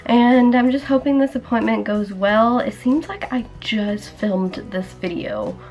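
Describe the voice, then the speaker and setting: A woman's voice: a little high, a little slow, darkish tone, highs cut off. Chatty young woman with a morning voice. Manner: chatty, many "like" fillers. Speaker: vlogger. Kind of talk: casual vlog chat. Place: indoors at home, then a hospital.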